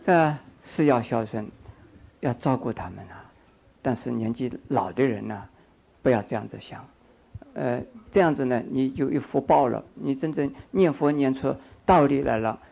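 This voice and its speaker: Gravelly older man giving a Buddhist sermon. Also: medium pitch. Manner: coaxing, repeats phrases, asks the audience questions. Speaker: Buddhist monk teacher. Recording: dull lo-fi recording.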